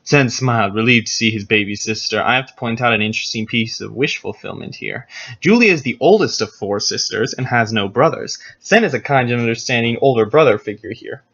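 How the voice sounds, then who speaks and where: A man's voice: mid-range voice, a little fast, creaky, a bit bright. A man narrating a mock dramatic reading with sarcastic, theatrical commentary. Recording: dull lo-fi recording.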